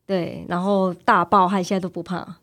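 A woman's voice: on the low side, little pitch movement, normal speed, a bit bright. Taiwanese woman guest chatting casually. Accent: Taiwanese Mandarin. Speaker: podcast guest. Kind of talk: casual personal storytelling.

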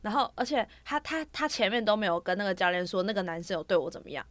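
A woman's voice: medium pitch, expressive, fast talker, no room sound. A young woman, telling a long story on a casual podcast, rambling from clause to clause with fillers. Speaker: podcast co-host.

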